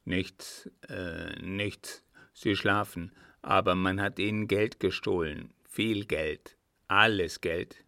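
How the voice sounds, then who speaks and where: A man playing a worried old coachman in a storybook, low and cautious. The voice is gravelly and slow, recorded close and dry. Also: fairly even intonation, dry recording, heavily acted. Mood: sorrowful. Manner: anxious, hushed, cautious.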